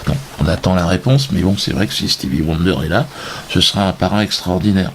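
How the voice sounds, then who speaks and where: Male comedian, lowish register, halting deadpan monologue for an online video, faint background noise. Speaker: comedian presenting his own video. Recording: steady background noise, clicks.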